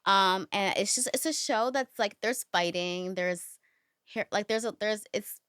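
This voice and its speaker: A woman's voice: mid-range voice, unhurried, clear, resonant tone, no echo, studio quality. A woman co-hosting a casual podcast, telling stories with lots of "like" and "um" and acting out the lines she quotes. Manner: animated storytelling, acts out quoted lines; filler-heavy, laughs often. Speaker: podcast co-host.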